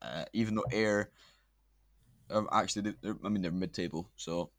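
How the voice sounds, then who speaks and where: A man's voice: low-pitched, moderate pace, a bit bright, dry recording. A young man hosting a casual football podcast, chatty and laughing often. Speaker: podcast host.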